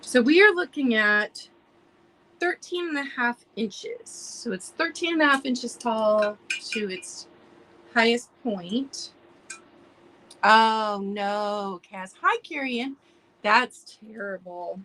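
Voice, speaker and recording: An American woman leads a live online vintage sale, describing items and saying hello to viewers by name in a laid-back way. Her high-leaning voice, a little hoarse from allergies, sounds pushed and bright as she takes things slowly and clears her throat now and then. The recording is rough.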